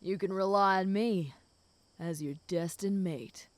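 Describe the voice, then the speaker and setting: A woman voicing a flirty, possessive and protective female werewolf in an intimate audio role-play, speaking teasingly to the listener in a smooth voice. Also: mid-range voice, measured pace, no room sound, close to an everyday voice. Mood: gentle, protective. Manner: flirty, teasing, with soft chuckles.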